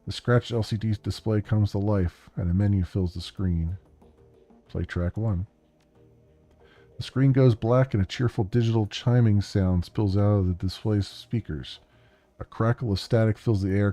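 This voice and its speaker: A man's voice: on the low side, dark tone, dry recording. A male streamer reading game text aloud during a let's-play, with casual, hesitant asides.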